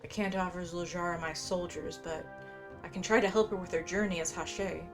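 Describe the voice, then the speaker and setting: A gameplay streamer chats and muses while she plays, reading quest text aloud as faint game music runs underneath. Her voice sits fairly low, with fairly even intonation and a moderate pace.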